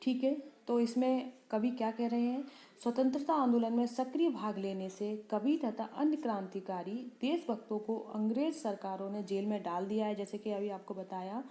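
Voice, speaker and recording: A woman's voice: a little high, dark tone, reverberant. Woman teacher explaining a poem. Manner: explains line by line, asks and answers her own questions. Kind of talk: Hindi poem explanation lesson.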